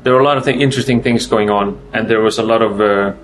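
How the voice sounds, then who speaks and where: Speaking on the low side with a steady, fairly bright tone, a man from Iceland fields festival interview questions about his films. His Icelandic-accented answers come haltingly as he hunts for words and keeps restarting, over a little hiss or hum.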